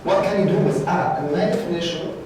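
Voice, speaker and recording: A middle-aged man giving a conference presentation in halting English, searching for words and correcting himself. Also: sits high. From Peru. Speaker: guest speaker, art faculty lecturer. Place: large brick-walled event room, indoors. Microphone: far room camera, no mic. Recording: very echoey room, distant mic, background noise.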